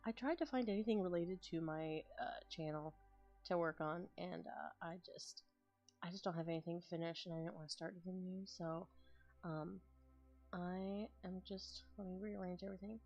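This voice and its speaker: A woman's voice: lowish voice, fairly even intonation, normal speed, muffled recording, faint music behind. Tired young woman rambling on stream. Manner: rambling, thinking out loud, laughs often. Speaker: ASMR streamer. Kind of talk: casual chat on a live stream.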